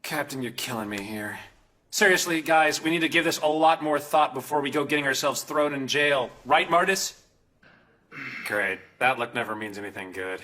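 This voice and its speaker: An actor playing a sarcastic, easygoing soldier who cracks wry quips. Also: male voice, a little high, normal speed, pushed and bright, a little hiss or hum. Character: wisecracking male soldier, laid-back joker. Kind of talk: anime dub acting.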